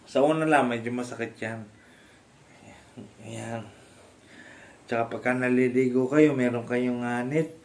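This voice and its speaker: A man from the Philippines, a stroke survivor, casually demonstrating home exercises with halting speech, frequent fillers and restarts, and often laughing as he explains. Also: medium pitch, steady tone, a little hiss or hum. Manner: polite, addresses viewers respectfully. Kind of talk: casual instructional vlog.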